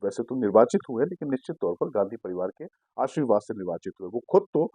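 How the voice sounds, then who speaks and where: A man's voice: medium pitch, sing-song, fast, dark tone, husky, no echo. A man hosting a digital political news show, giving assertive commentary and explaining a clip to viewers.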